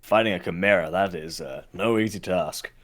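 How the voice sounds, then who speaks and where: A hurried male mercenary in a tabletop game , played by a man, talking fast and businesslike as if he has no time to spare. His voice sits on the low side and stays quiet. He gets straight to the point. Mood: brisk.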